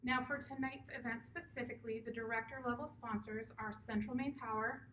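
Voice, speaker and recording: A higher-voiced woman gives a formal thank-you speech as a drive-in event speaker. She sounds distant over the PA, with clear echo around her words. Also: fairly even intonation, fairly quick, fairly bright tone. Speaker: board chair opening an event as speaker. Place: public event at a drive-in movie night. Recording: echoey, distant PA sound with faint noise.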